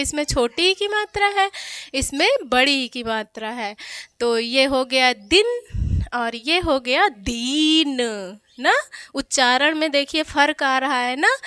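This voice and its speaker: A young woman with a Hindi accent, teaching children with slow, clearly enunciated speech and repeating each word for them to echo. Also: sits high, sharp tone, studio quality. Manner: drawn-out spelled sounds, repeats words for children to echo.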